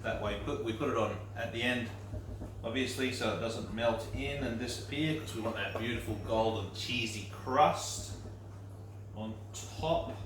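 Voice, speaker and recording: A man's voice: medium pitch, normal speed, very echoey, recorded from a distance, background noise. A man, chatting casually through a home cooking vlog in an upbeat way. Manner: chatty, upbeat, laughs often. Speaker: cooking vlogger. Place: home kitchen.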